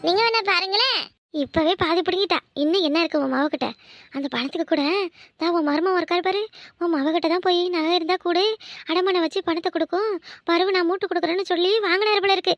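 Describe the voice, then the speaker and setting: A woman's voice: very high-pitched, fairly bright tone, no room sound. A woman voicing nosy village women in a cartoon, gossiping scornfully about a neighbour's household. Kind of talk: cartoon voice acting.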